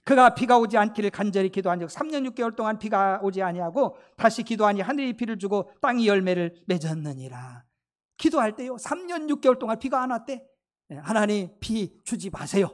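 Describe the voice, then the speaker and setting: A woman pastor preaching a sermon with fervor, sprinkling in blessings and hallelujahs, her voice swinging between loud rises and soft drops. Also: lively intonation, quick pace. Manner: fervent, with repeated blessings and hallelujahs; sweeping rises and drops in pitch and loudness.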